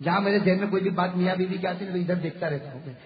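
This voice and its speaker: A man preaching a sermon to a gathering, mixing jokes with religious teaching. He drops to murmured asides, then shouts exhortations and calls on the crowd to answer. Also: high-pitched, rapid-fire. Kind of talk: sermon with humorous anecdotes. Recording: echoey lo-fi hall recording.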